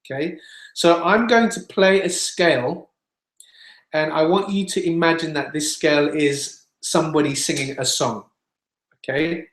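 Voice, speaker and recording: A man teaching singing in an online webinar, explaining patiently and demonstrating scales. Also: fairly high pitch. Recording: echoey room.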